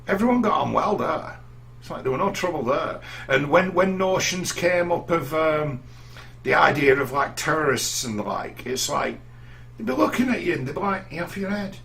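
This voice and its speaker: A middle-aged English vlogger tells rambling personal anecdotes in a casual monologue, often starting his sentences over. His voice sits fairly high and sounds expressive, creaky and slightly bright, moving at a moderate pace.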